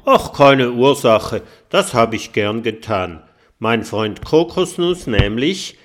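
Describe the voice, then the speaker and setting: Kokosnuss: a man as a bright, eager little dragon boy, lively and unhurried. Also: medium pitch. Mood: friendly. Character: young male dragon, friendly and clever.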